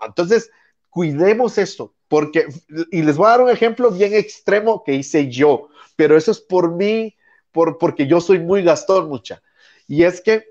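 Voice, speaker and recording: A man's voice: a little high, lo-fi sound. A man with a Guatemalan accent hosting a casual talk show, telling stories and acting out the people he quotes. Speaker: podcast host.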